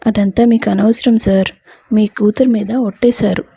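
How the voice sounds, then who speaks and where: A woman's voice: medium pitch, fairly even intonation, moderate pace, creaky, warm tone, husky, dry recording. A woman voicing an earnest, stubborn young woman in love who speaks firmly, in a Telugu audio story. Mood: determined.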